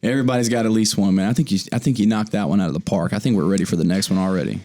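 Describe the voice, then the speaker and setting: Man, low-ish voice, jokey, laid-back, casual studio chat. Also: very fast, dark tone. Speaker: attorney co-host. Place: radio studio.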